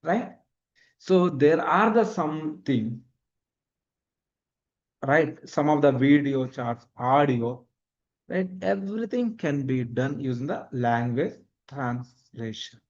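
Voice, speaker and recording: This is a live online lecture with screen sharing, led by a man in his thirties who speaks with a South Indian accent and whose native language is Kannada. He teaches slowly, repeating himself and often asking if students follow, in a fairly high voice with lively intonation. The recording is muffled.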